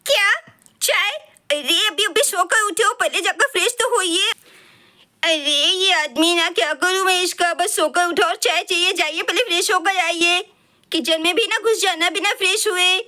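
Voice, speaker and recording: A woman voicing a busy young wife who talks briskly and scolds. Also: very high-pitched, bright, forceful tone. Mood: scolding.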